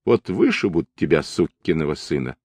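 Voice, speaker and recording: A man voicing a calm, stern older male partisan, in an audiobook. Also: very deep voice, normal speed, no echo, voice pushed down, full character voice.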